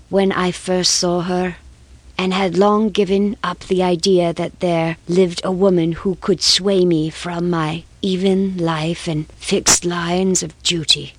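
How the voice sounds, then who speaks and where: A woman voicing a trembling, anguished old man in his sixties, speaking in a raised, strained, slow pleading voice. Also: fairly low pitch, no room sound.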